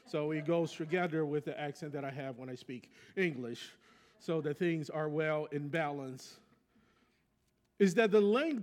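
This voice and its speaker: A Brazilian pastor, a native Portuguese speaker with a Brazilian Portuguese accent, preaches a sermon in a reflective, conversational storytelling way. His voice is a little high and darkish in tone.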